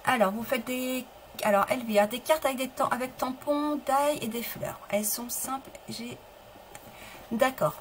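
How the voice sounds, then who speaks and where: A middle-aged woman runs a live-stream papercraft tutorial, chatting casually as she shows her materials, restarting sentences and answering viewers. Her voice is high and steady, her pace unhurried, and the low-quality recording has slight background noise.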